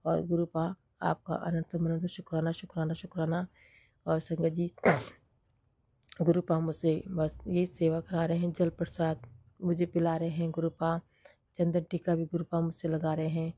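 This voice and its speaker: Hoarse woman giving prayerful thanks. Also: low-pitched, monotone, measured pace, dark tone, dry recording. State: hoarse from a cold. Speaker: devotee sharing gratitude. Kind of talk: devotional gratitude testimony.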